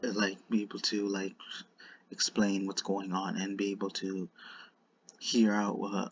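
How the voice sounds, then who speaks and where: A man with a lisp and whistling s sounds gives unscripted commentary in a halting, repetitive way, circling back over his phrases. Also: deep voice, slightly rough, dull audio. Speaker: online commentator.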